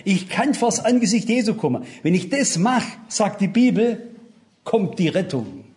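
A man's voice: high voice, moderate pace, a little mellow. A man preaching a sermon in German, emphatic, swinging up and down for stress and addressing his listeners directly.

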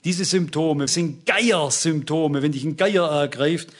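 A man's voice: fairly high pitch, takes it slowly. A man with an emphatic manner, preaching a sermon and addressing his listeners directly.

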